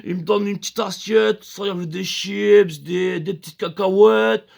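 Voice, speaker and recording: A man's voice: sits high, fairly even intonation, normal speed, vocal fry, a little mellow. A man telling a crude, rambling comic story in slangy street talk. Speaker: comedian.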